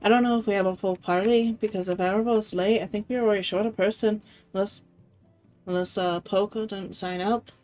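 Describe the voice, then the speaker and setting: Chatty woman streamer over soft music. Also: mid-range voice, fairly even intonation, fairly quick. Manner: chatty, laughing, swears freely. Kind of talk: casual game-stream chat.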